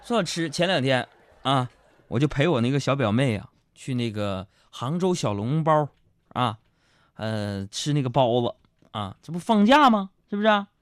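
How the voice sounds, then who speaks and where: Lively male comic host. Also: mid-range voice, dry recording, studio quality. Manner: lively storytelling with quick jokes and asides to listeners. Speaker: radio show host. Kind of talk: comic monologue.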